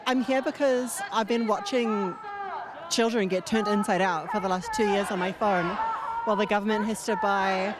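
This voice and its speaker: A New woman speaks candidly to a reporter at an outdoor protest march, stumbling through fillers. A loud crowd and heavy street noise surround her voice. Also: mid-range voice, fairly even intonation, moderate pace. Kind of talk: street vox pop.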